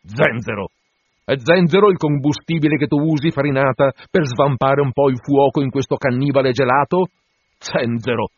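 A man voicing an indignant, suspicious ship's mate who rants loudly and mocks others. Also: medium pitch, animated, normal speed, a little hiss or hum, pitched above the performer's own voice, close to an everyday voice. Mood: mocking. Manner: loud, indignant, mocking rants. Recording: dull dry radio broadcast.

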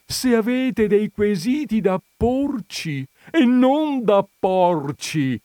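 A proud, easily offended noblewoman who writes for a society magazine, her voice pitched up and swooping with outrage, as a male narrator puts her on. She talks slowly and theatrically, every reply full of wounded pride, in a dry, close recording of a comic audiobook. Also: very animated, darkish tone, no room sound, full character voice. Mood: flustered. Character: haughty indignant noble lady columnist, proud and touchy. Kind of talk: audiobook reading of a comic story.

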